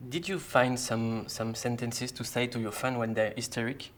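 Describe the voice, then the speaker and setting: A man's voice: medium pitch, steady tone, normal speed, a bit bright. A man who speaks as his asks interview questions in English with phrasing and a friendly, joking manner. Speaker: interviewer, host. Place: hotel room.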